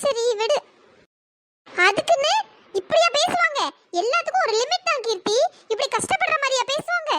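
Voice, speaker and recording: A woman voicing a brash young female best friend who scolds bluntly, in a cartoon story with a pitch-raised voice. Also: animated, normal speed, long pauses, sharp tone, full character voice. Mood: scolding.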